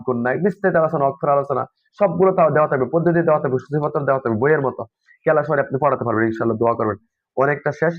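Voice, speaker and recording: Fast-talking earnest man advising madrasa teachers. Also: medium pitch, dry recording, lo-fi sound. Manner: earnest, preachy, repeats "ha" and "inshallah". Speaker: Quran teacher trainer. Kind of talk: advice talk to madrasa teachers.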